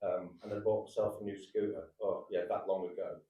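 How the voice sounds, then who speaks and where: Low-voiced Brummie man, off-mic. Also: fairly even intonation, fairly quick, far from the mic, dull audio. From Birmingham, England. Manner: rambling, self-mocking, with frequent fillers. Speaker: band member. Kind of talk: casual chat. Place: backstage green room. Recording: roomy, from off-mic.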